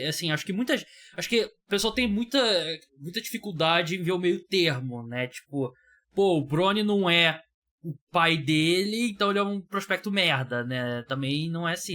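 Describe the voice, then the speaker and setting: A Brazilian man hosts a sports podcast, his voice a little high, bright and forceful. Speaking with a Brazilian Portuguese accent, he chats casually, using lots of fillers and the odd swear word.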